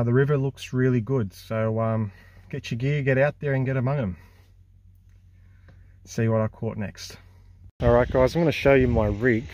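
A man's voice: mid-range voice, a little mellow. A man in his thirties with an Australian accent, talking through a fishing trip in a casual vlog and praising every catch with enthusiasm. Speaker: fishing vlogger. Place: parked car, then outdoors on a river jetty.

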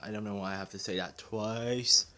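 A man talks to his viewers in a bright, forceful voice, wandering from point to point and restarting his sentences. He sounds a little out of breath, and the sound comes from a camera mic held in his hand. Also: on the low side, fairly even intonation, moderate pace. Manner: rambling, hesitant, with restarts. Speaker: vlogger. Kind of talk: casual vlog talk to camera. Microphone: handheld camera mic.

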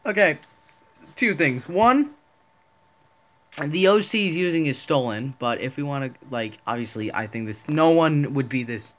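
A man's voice: on the high side, lively intonation, measured pace, long pauses. Rambling, indignant young man commenting. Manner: rambling and indignant, many restarts. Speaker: small online video creator. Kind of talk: casual commentary video.

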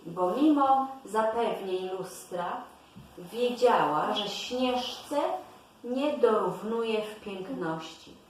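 A woman narrating a storybook fairy tale aloud with a slow, deliberate storytelling delivery, recorded in a room at home. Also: medium pitch, far from the mic. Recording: very echoey room, voice from afar, faint hiss.

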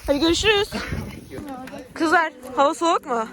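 A woman's voice: very high voice, animated, moderate pace. A woman hosting a casual vlog of a group outing, chatting and putting questions to her friends. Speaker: vlog host filming a motorcycle group outing. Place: outdoors at a group outing, later a cafe. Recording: noisy outdoor group chatter.

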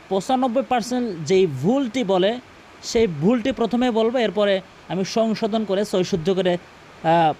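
A man's voice: high voice, darkish tone, a little hiss or hum. A man teaching correct recitation pronunciation, repeating each word again and again and explaining between the examples. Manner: drills words by repeating them over and over; long drawn-out chanted recitation. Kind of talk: tajweed pronunciation lesson.

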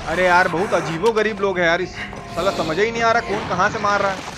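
Over music, a game streamer with a Bihari Hindi accent commentates live in a high-pitched, steady voice, talking fairly quickly. His speech is casual and full of slang with occasional swearing, and the audio is noticeably noisy.

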